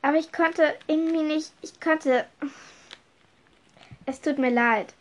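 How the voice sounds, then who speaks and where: A woman's voice: high voice, slow pace, darkish tone, lo-fi sound, pitched above the performer's own voice. A woman doing a flustered, stammering young wizard boy. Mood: anxious. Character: excitable young schoolboy wizard.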